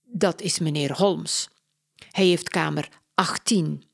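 Hotel clerk, friendly, plain; narrator's own voice. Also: female voice, fairly low pitch, slow. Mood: helpful.

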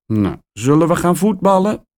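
A man's voice: on the high side, sing-song, moderate pace, a little mellow, pitched above the performer's own voice. A man doing a sulky young boy. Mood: glum. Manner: sulky and sighing. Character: young boy, often glum about losing.

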